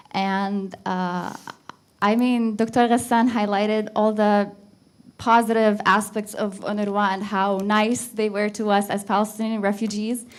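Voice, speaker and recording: A woman's voice: medium pitch, no echo. A woman from Lebanon, asking an earnest, hesitant question from the floor at a symposium. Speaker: audience questioner. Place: conference hall.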